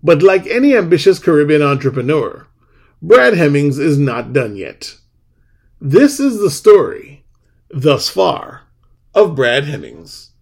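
A podcast host with a fairly high, creaky, husky voice reads a scripted introduction, then chats casually with a guest. He speaks a little slowly but delivers things in a lively, animated way, laughing easily.

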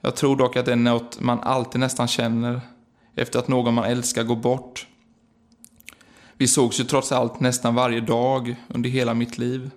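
A man reading a personal memorial piece, quiet and earnest. His voice sits in a middle register and stays flat, with almost no rise or fall. The delivery is reflective and steady. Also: medium pitch. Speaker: singer remembering his late grandfather. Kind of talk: read-aloud personal memorial narration.

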